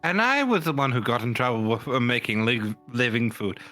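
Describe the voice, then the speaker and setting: Casting: tabletop gamer with a bright, forward voice, casual banter, music behind. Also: medium pitch, animated, fairly quick. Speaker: player in a tabletop role-playing game.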